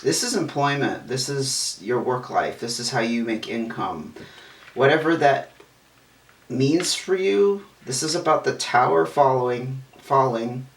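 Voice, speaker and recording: A man's voice: medium pitch, a little slow, recorded from a distance. A man giving a casual tarot reading in a chatty, reassuring way. He breaks into sudden exclamations as cards turn up and often trips over words and restarts. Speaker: tarot reader. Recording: echoey room, voice off-mic.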